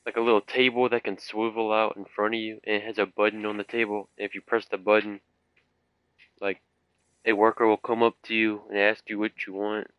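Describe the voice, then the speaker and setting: A man's voice: on the low side, little pitch movement, a little fast, clean tone, no echo, highs cut off. Rambling young gamer guy. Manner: rambling, filler-heavy storytelling. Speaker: gaming streamer. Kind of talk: casual chat while playing.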